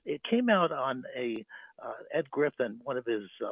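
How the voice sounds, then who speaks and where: A man calling in to a radio show over a phone line, talking in a rambling, halting way with many fillers. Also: mid-range voice, sing-song, no room sound. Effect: phone-line caller on a radio show. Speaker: caller. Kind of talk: rambling call-in commentary.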